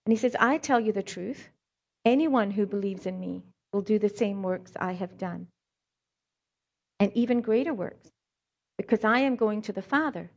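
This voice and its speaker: Speaking at normal speed in a mid-range voice, a middle-aged lay preacher who works as a hand therapist delivers a relaxed, chatty sermon. Born in Scotland and raised in South Africa, she lets a light accent slip through in a few words while blending scripture, wry anecdotes, and frequent ums, all on a slightly dull, muffled recording.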